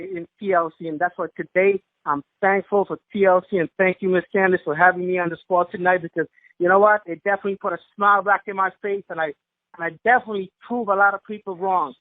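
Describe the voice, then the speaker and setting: Fervent high-voiced man on a phone line. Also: no room sound. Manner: fervent, repetitive, preacher-like emphasis. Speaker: caller giving a testimonial. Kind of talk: emotional phone testimonial. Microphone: telephone.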